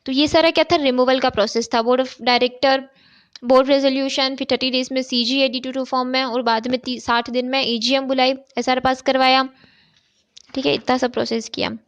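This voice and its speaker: A woman's voice: high voice, level tone, brisk. A woman chartered accountancy tutor, explaining step by step in a recorded exam-prep lecture. She poses questions and then answers them, and often checks in with "okay". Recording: dull, lo-fi recording.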